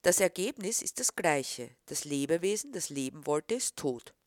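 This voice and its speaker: A woman reading scripted narration in a calm, earnest, reflective way. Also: low voice, moderate pace, no room sound, studio quality.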